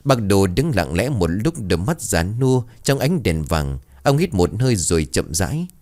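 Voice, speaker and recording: Male horror narrator, low and expressive, dramatic storytelling. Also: normal speed.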